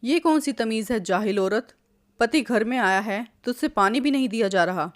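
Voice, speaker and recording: A woman's voice: medium pitch, moderate pace, no room sound, clean studio sound, natural voice. Woman doing a rude bossy husband. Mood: angry. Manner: sneering, shouting.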